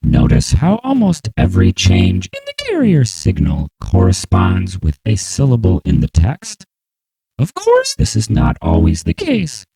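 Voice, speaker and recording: A composer narrates his own electronic piece through a vocoder, his voice gravelly and buzzing while the synthesizer pitch and chords shift at random. The scripted explanation is slow and over-enunciated, very proper and exaggerated, and the recording quality is low.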